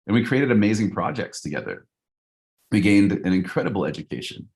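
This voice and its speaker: A man's voice: on the low side, sing-song, a little fast, a little mellow. A man co-hosting a podcast in casual chat, reflective and loose, full of "like" and "you know". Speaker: podcast co-host.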